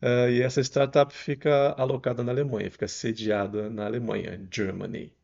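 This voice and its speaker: A man with a Brazilian Portuguese accent teaches pronunciation, his voice gravelly with fry. He repeats each word slowly and draws out the syllables. The recording sounds dull and muffled. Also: medium pitch, level tone, a little mellow. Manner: explains slowly, repeats words with stretched syllables. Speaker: English teacher. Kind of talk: pronunciation lesson.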